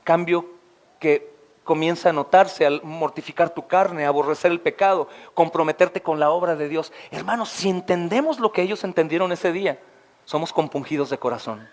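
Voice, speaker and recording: A man over forty preaching an expository sermon as pastor, impassioned, often calling out to his listeners as brothers and climbing into high, emphatic questions. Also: moderate pace.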